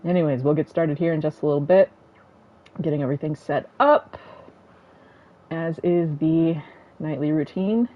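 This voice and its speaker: A woman streaming a game from her home setup, chatting in a rambling way and thinking out loud into a desk microphone. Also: low voice, moderate pace, long pauses, highs cut off. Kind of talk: casual chat while gaming.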